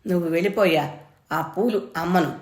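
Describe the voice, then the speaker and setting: Woman reading as a stern old grandmother, scolding, firm, low-pitched, roomy echo. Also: normal speed, close to an everyday voice. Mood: furious. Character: stern, fierce old grandmother defending her garden.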